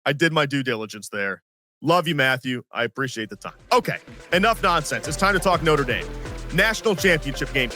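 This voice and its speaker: A man in his forties hosting a sports podcast, telling stories in an animated, self-mocking way and acting out what others said. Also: medium pitch, brisk, faint music behind. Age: 40s. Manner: animated, self-mocking storyteller who acts out quotes. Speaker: podcast host. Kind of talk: casual sports podcast storytelling.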